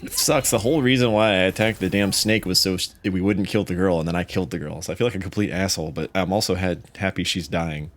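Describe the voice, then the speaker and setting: A man's voice: low-pitched, fast talker, few pauses. A man playing a co-op game with friends, teasing them and laughing often. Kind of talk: casual gaming chat.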